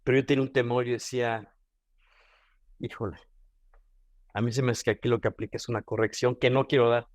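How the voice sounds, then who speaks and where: A man's voice: medium pitch, fairly even intonation, brisk, pauses often, dry recording. A man with a Mexican Spanish accent giving an earnest devotional teaching, often repeating and restarting phrases. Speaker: devotional speaker.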